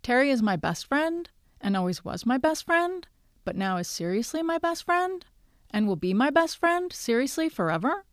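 A woman voicing an earnest fourteen-year-old girl gushing about her best friend, with a high, lilting delivery. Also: big pitch swings, normal speed, no echo, clean studio sound. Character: teenage girl, giddy and earnest.

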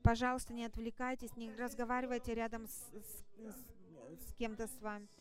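A woman delivering a church sermon in short, halting phrases, exhorting the congregation as an interpreter would. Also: fairly high pitch, fairly even intonation. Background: music.

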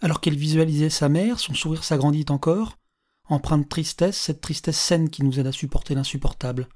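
Calm measured audiobook narrator. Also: medium pitch.

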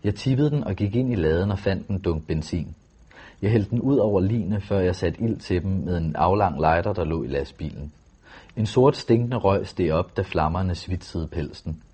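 A man reading a first-person novel aloud in a calm, measured, steady way. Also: low-pitched, slightly rough. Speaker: audiobook narrator.

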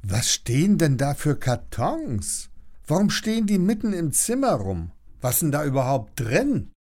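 A man's voice: on the high side, sing-song, unhurried, darkish tone, voice pushed up, heavily acted. A man voicing a nosy, mischievous little boy in a children's storybook, with a raised, childlike tone. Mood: curious. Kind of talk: storybook character voice.

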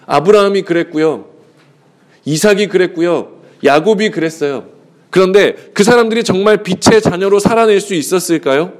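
A male pastor preaching a sermon in a conversational way, asking the congregation rhetorical questions and acting out bits of dialogue. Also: moderate pace. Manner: acts out dialogue with shifting pitch.

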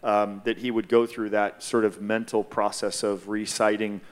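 A man from Hawaii sharing a personal testimony on a church panel, speaking in a measured, reflective way with frequent pauses. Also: on the low side, level tone, clear, resonant tone.

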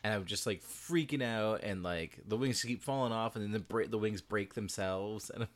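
Speaking at a moderate pace in a lowish voice, this male podcast co-host chats casually and animatedly about a hobby. He laughs often, and the recording takes place in a small bedroom with the door closed.

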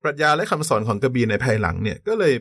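A man co-hosting a podcast in a conversational lecture style, polite and quick to affirm. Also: medium pitch, big pitch swings, fairly bright tone, slightly rough, no echo, studio quality. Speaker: podcast co-host.

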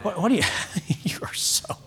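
A man's voice: normal speed, fairly bright tone, whispered. A man preaching a Sunday sermon as pastor, earnest and direct, often stumbling over and restarting his words.

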